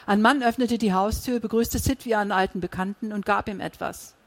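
A reader narrating a crime story in an audiobook, with steady storytelling. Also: male voice, sits high, brisk, no room sound. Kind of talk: scripted narration.

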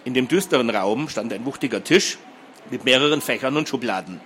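A man narrating a fantasy adventure story as an audiobook reading, in a steady storytelling voice. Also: mid-range voice, fairly quick, a little hiss or hum.

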